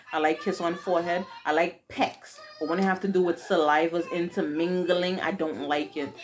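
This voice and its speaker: Her voice sits on the lower side as she fields her daughter's questions. She's a woman in her forties with a Haitian accent, speaking casually and expressively with plenty of dramatic exclamations.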